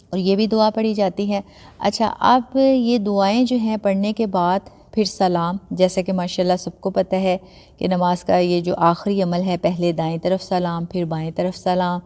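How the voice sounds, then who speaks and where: A woman teaches prayer recitation in a patient, conversational way, slowing to sound out syllables one by one. Her voice sits a little low, with a dark, mellow tone. A long reverb trails behind her words. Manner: conversational, mixes in English words. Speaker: religious teacher. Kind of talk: step-by-step prayer lesson.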